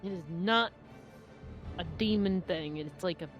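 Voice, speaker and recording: A woman's voice: on the low side, a little slow, dull audio, soft background music. A woman playing a tabletop game, chatting and rambling with lots of "like" as she explains her character's actions. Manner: chatty, rambling with many fillers. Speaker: player. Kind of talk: casual tabletop game chat.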